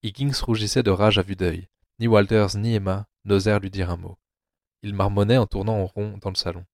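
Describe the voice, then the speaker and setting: A man reads a novel aloud as an audio drama in a very low, steady voice. The recording is close and dry, with no room sound. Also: fairly quick, no room sound. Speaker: narrator.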